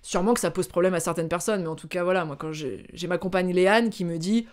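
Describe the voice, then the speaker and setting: A woman from France telling a personal story to her viewers in a casual, animated way, often pausing on filler sounds. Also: lowish voice. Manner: chatty, animated, acts out dialogue; hesitant with frequent filler sounds. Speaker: vlogger.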